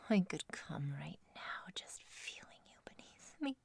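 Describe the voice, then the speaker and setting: A woman playing an obsessive, controlling stalker in an audio roleplay, whispering breathily and giggling softly as she teases and threatens. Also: low voice, sing-song, creaky, slightly rough, exaggerated voice. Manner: slow, teasing, softly threatening. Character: obsessive menacing female stalker, teasing and controlling.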